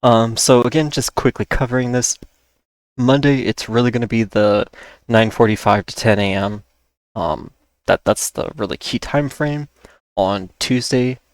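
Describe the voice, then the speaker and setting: In a recording with no room sound, a medium-pitched man runs his stock market channel's informal rundown, explaining and repeating the main points while his voice gives out and he occasionally coughs.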